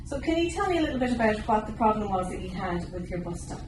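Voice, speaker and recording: A woman's voice: medium pitch, sing-song, fast. A woman with an Irish accent asking informal, encouraging questions as an interviewer. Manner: encouraging, affirming answers. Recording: echoey room, distant mic, background noise.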